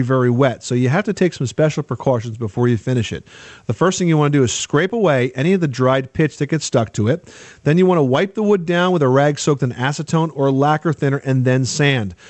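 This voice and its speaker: A man's voice: mid-range voice, animated, brisk, a little mellow, no echo. A man hosting a radio show and explaining home improvement advice step by step.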